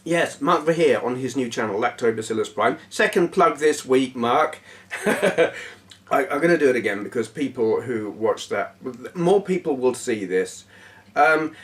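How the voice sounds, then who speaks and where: A man with a hoarse, failing voice, hosting his gaming channel and rambling casually to camera with plenty of fillers and self-deprecating asides. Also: mid-range voice, animated, a little slow, distant mic. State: hoarse, voice going. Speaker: YouTube gaming channel host.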